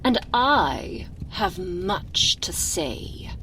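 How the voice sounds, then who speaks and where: A woman's voice: on the low side, big pitch swings, very slow, pushed and bright, exaggerated voice. A woman playing an imperious, seductive aristocratic vampire lady with wounded pride, in a languid, theatrical ASMR roleplay, close to the microphone and drifting into near-whispers. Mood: wistful, bitter. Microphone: close binaural microphone.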